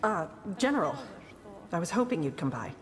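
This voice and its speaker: A friendly young woman soldier in a video game, speaking in a low register. She is awkward and conversational, trailing into self-deprecating asides, with clear music playing behind her. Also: big pitch swings, fairly quick. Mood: apologetic, hesitant. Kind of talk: video game dialogue acting.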